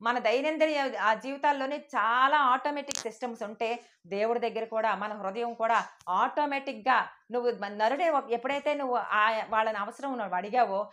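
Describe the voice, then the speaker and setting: A woman delivers a sermon at a rapid clip, her voice sitting a little high. She preaches fervently and slips into the voices of God and of pleading believers as she goes. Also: a bit bright.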